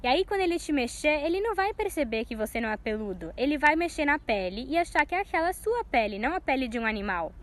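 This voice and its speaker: A woman voicing a calm, scheming mother who reassures in a hushed, soothing tone. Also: high-pitched, fast, hardly any pauses. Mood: reassuring.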